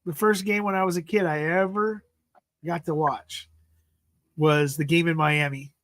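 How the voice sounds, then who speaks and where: A man in his fifties rambles through a casual sports chat, circling back and leaving sentences unfinished. His voice sits a little high for a man and comes across dry and close, with no room sound around it. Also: steady tone, a little slow, a bit bright, no echo. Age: 50s. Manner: rambling, repeats "freaking", trails off mid-sentence. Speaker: livestream host.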